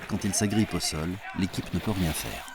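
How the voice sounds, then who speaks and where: A man's voice: low voice, normal speed, crowd noise. A man narrating a wildlife documentary from a script.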